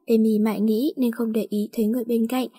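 A woman reads an audio story in an even, steady manner. Her voice is husky, mellow and slightly high. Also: quick pace, no room sound, clean studio sound.

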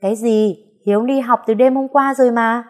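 A woman voicing a sharp-tongued middle-aged aunt who scolds nosy neighbors. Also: on the high side, fairly even intonation, moderate pace, pitched above the performer's own voice, close to an everyday voice. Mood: shocked. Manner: scolding, snappish.

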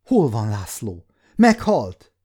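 A frightened young woman who turns defiant, crying out in anguish in an audiobook scene, voiced by a man. The tone is dark and mellow. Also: medium pitch, big pitch swings. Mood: frantic. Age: 50s. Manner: cries out in anguish.

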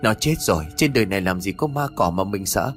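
A man's voice: deep voice, expressive, fast, faint music behind. A man playing a coarse village duck farmer who talks bluntly and brusquely. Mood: gruff.

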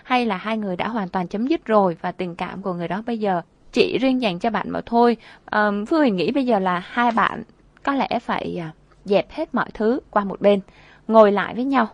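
A woman's voice: medium pitch, brisk, no echo. A woman co-hosting a radio advice show, talking earnestly and conversationally about relationships, repeating phrases for emphasis.

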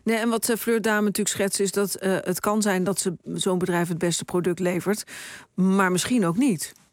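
A woman presenting a live news radio show, asking brisk, direct questions. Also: mid-range voice, steady tone, dry recording.

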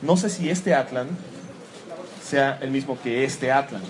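An unhurried man with a mid-range voice gives a live talk about comics to a roomful of listeners. He keeps it joking and self-mocking, with animated asides, while clear background noise runs underneath.

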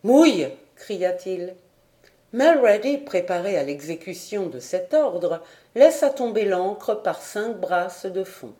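A woman reading a classic adventure novel aloud in a clear, measured narration. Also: medium pitch, animated, dark tone. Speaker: audiobook reader. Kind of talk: scripted narration.

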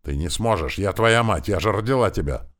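A defiant noble mother, put on by a man with a very deep voice, pleads and cries out in a strained, raised pitch. Her lines swing from begging to open defiance. An audiobook character voice. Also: animated, fairly quick, fairly bright tone. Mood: sobbing. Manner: pleading, rising to shrill defiance. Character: desperate aging noblewoman, a prince's mother, defiant.

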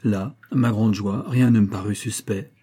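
Man doing an indignant middle-aged pawnbroker, audiobook, dark tone. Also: lowish voice, fairly even intonation, moderate pace, husky. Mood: aggrieved. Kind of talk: audiobook reading.

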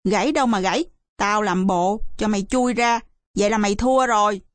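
A woman's voice: medium pitch, brisk, no room sound, close to an everyday voice. A woman reading the lines of a cocky, teasing little boy in a storybook, in a bossy, smug voice close to her own.

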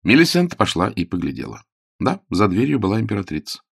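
A man narrating an audiobook in a measured storytelling manner and shifting his voice for each character. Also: fairly low pitch, huge pitch swings, creaky, slightly rough, no room sound, clean studio sound.

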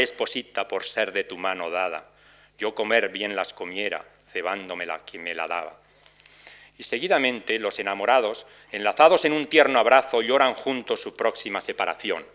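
A middle-aged man giving an academic lecture, reading out quoted ballad verses in a slower, measured cadence. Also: on the low side, a bit bright. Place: lecture hall.

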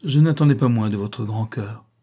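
Young heroine for an audiobook, earnest and raised, a man doing her, dark warm reading voice. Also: on the low side, normal speed, lightly acted. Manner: crying out, earnest. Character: brave young woman, devoted daughter.

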